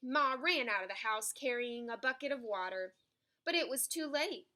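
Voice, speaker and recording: A woman reads a children's picture book aloud, telling the story expressively. Her voice is fairly high and her pace moderate, like a storybook reader's.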